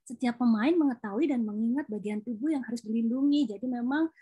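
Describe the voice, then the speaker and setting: A woman's voice: a little high, a little fast, warm tone, breathy edge, dull audio. A woman, presenting a board game she co-created in a chatty, explanatory way, with frequent fillers. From Java, Indonesia. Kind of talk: informal presentation.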